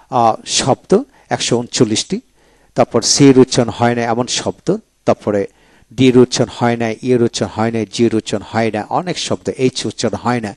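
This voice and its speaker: A man's voice: medium pitch, darkish tone, dry recording. Male teacher for a pronunciation lesson who spells each word and repeats it, in a dry booth. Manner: spells words letter by letter, then repeats them.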